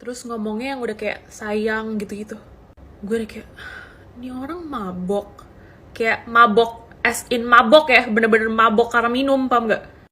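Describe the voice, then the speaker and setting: A young woman tells a story on a casual podcast in a slightly high voice at a moderate pace. She uses slang and retells everything with animated, dramatic flair.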